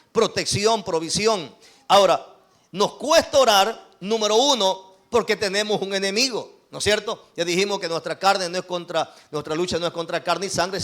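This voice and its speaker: A man preaching an evangelical sermon to his congregation in Ecuadorian Spanish, swinging between loud calls and quiet asides. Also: high-pitched. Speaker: apostle preaching to his church.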